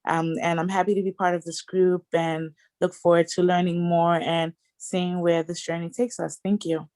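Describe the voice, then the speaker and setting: Woman, lowish pitch, polite and a little formal self-introduction. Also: flat delivery, normal speed, a little mellow. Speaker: program coordinator. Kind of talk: self-introduction on a video call.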